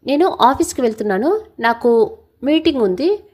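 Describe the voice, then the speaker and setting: A woman doing a loud indignant young woman. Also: sits high, sing-song, normal speed, breathy edge, full character voice. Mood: indignant teasing. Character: cheeky young woman, teasing best friend.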